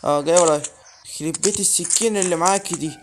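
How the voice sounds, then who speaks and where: An Egyptian gaming channel host with a high-pitched voice talks very fast through let's play commentary on a horror game. He mutters nervously and breaks into sudden yelps over the game music.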